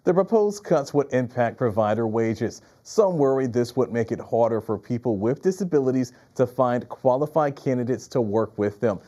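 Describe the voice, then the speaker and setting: A male news anchor with an American accent delivers scripted copy in a mellow, soft-edged voice. His pitch sits in the middle range for a man. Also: expressive, moderate pace, few pauses.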